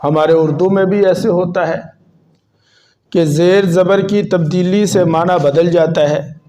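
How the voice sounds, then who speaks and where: Man, fairly high voice, sermon, emphatic stresses, asks the crowd questions. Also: fairly even intonation, dark tone. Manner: questions the audience and urges them to answer. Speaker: Islamic preacher.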